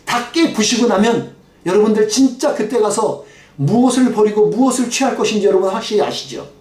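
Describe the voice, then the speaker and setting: A man's voice: high-pitched, brisk, darkish tone. Man, pastor, sermon, emotive pleading delivery, echoey church, distant mic.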